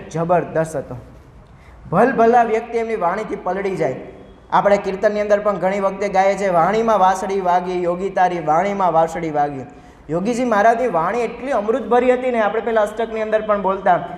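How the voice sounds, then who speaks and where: Male preacher in an echoey hall. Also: high voice. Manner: conversational, explanatory. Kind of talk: devotional sermon with storytelling.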